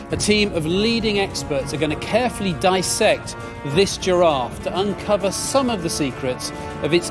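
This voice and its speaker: Male nature documentary presenter-narrator, slightly high voice, music under the read.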